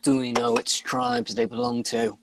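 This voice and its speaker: A man's voice: medium pitch, sing-song, moderate pace, vocal fry, noisy background. A man playing a stern orc war chief. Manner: stern, commanding.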